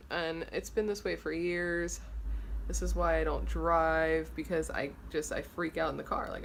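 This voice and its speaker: A woman in her late twenties with a low voice chats about her life while doing her makeup. She rambles and swears freely in an easygoing, candid way, recorded close to a camera in her bedroom, with a faint hum of room noise behind her. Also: gravelly, a bit bright. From Los Angeles, USA. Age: 20s. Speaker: beauty vlogger. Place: bedroom, indoors. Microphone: camera in front at close range.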